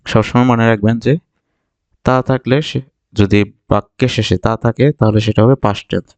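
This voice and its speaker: A man from Bangladesh teaching vocabulary, explaining patiently and repeating each word slowly for learners. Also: lowish voice, steady tone, a little mellow, no room sound. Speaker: Japanese language teacher. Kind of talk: vocabulary lesson narration.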